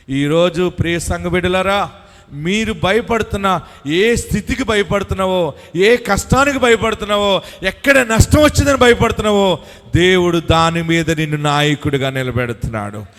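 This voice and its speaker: A man's voice: sits high, fairly bright tone. A male pastor preaching a sermon and leading the congregation in prayer with impassioned, rising calls. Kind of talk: sermon and altar call prayer. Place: large church gathering with tent and hall. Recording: reverberant hall with music behind.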